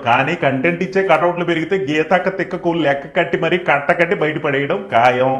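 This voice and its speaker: Fast-talking mocking male commentator, echoey. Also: on the high side, dull audio. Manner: mocking, acts out quoted lines in shifted voices. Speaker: channel host and reality-show critic. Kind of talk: satirical commentary voice-over.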